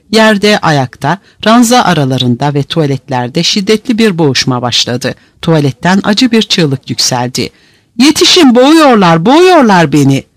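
A male narrator reads a novel aloud with vivid drama. His fairly high voice rises and falls widely, captured close and dry with no room sound. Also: no room sound. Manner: vivid, expressive reading.

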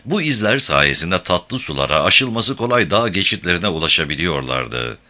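Deep-voiced male audiobook narrator. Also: very animated, normal speed, pushed and bright. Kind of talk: scripted narration.

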